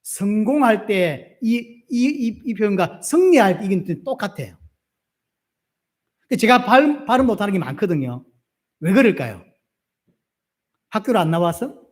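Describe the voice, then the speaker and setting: A middle-aged male pastor with a Gyeongsang Korean accent preaches a sermon in a high, strongly swinging voice. He throws questions out to the congregation and answers them himself with animated emphasis. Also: normal speed, pauses often.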